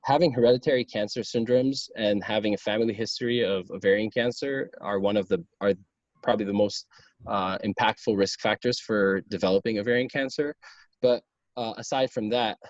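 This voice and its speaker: Speaking fairly quickly in a steady tone, a man from Lebanon, a gynecologic oncologist, delivers an informal, earnest video-call lecture peppered with ums and restarts. His voice is on the low side, captured by a computer mic in dull, dry audio.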